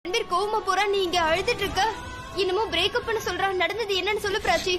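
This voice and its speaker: A prying young cousin. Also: female voice, very high-pitched, steady tone, quick pace. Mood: probing. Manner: probing, insistent questions. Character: prying young female cousin, pressing questions. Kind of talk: TV serial dubbing. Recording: with music behind.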